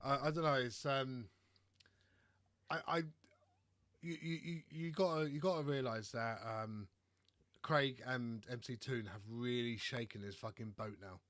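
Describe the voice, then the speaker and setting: A man hosting a casual podcast who rants and swears freely, clearing his throat between bursts. His voice sits at a middling pitch and sounds close and dry, with no room around it. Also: steady tone, measured pace, fairly bright tone, dry recording. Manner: profane, ranting, frequent throat-clearing. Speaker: podcast host.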